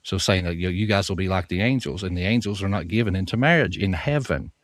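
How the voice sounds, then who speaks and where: A man with a Southern American accent appears as a guest author on a livestream, explaining at length in a folksy, earnest way. His low-pitched voice is soothing and fast, recorded without echo.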